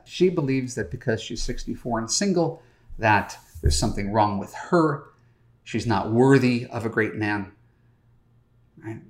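A middle-aged man, a dating coach, hosting a podcast and talking directly to listeners in a conversational way with frequent fillers. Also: medium pitch. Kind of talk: podcast monologue.

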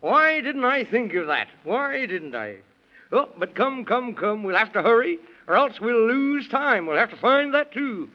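Very high-voiced, fussy Man in the Moon. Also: very animated, unhurried, heavily acted. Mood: fussy, muddled. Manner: flustered, muddled, exclaiming and repeating himself. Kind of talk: 1930s children's radio serial acting. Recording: dull, muffled 1930s radio recording.

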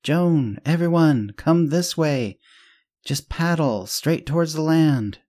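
Man putting on a woman shouting from freezing water. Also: low-pitched, expressive, takes it slowly, voice pushed up. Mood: urgent shouting. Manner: calling out loudly.

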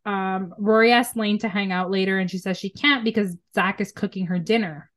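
A woman's voice: mid-range voice, steady tone, moderate pace, a bit bright. A woman hosting a podcast in casual chat, talking loosely with lots of "um" and "like" and frequent laughter. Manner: chatty, laughs often, many fillers like "um" and "like". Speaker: podcast host.

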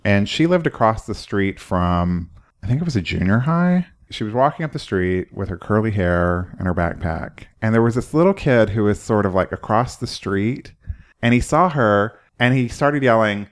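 A man's voice: on the low side, lively intonation, moderate pace. A man co-hosting a casual podcast, telling a funny story with frequent laughs while playing a word game. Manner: chatty storyteller, laughs often. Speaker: podcast co-host.

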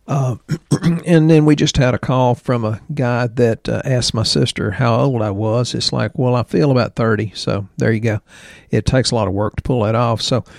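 A man's voice: mid-range voice, gravelly, a little mellow, no echo, clean studio sound. A man in his sixties co-hosting a health podcast, chatting casually in a rambling way with joking asides. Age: 60s. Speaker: podcast co-host, health practitioner.

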